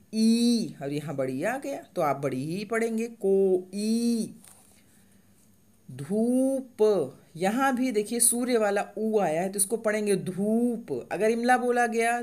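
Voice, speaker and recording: A woman teaching reading step by step, asking the viewer questions and slowly drawing out each syllable as she sounds it. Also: mid-range voice, a little mellow. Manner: slow, drawn-out sounding out of syllables; asks the viewer questions and answers them. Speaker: Hindi teacher.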